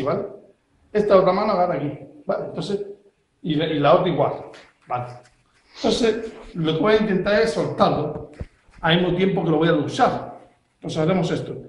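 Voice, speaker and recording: A man teaches self-defense moves one step at a time and keeps checking that his learner is following. His voice sits fairly high. It rings out in a strongly echoing room. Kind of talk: hands-on technique demonstration. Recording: very echoey room.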